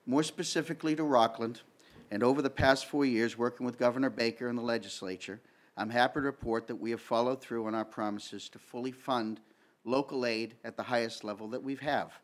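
A middle-aged man from Massachusetts reads his prepared remarks at a table microphone, measured and formal. His voice sits at an ordinary pitch for a man. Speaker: candidate. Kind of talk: prepared opening statement. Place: school meeting room, seated at a table.

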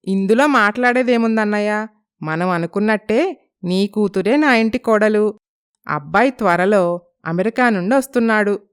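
A woman's voice: mid-range voice, normal speed, clear, resonant tone, close to an everyday voice. A woman voicing a caring, anxious middle-aged mother in a storybook. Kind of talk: storybook narration.

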